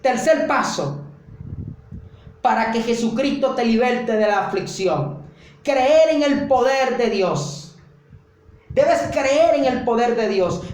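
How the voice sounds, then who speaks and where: A woman's voice: high-pitched, darkish tone. A woman preaching a fervent sermon, driving her points home with rhythmic, repeated phrases. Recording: very echoey room.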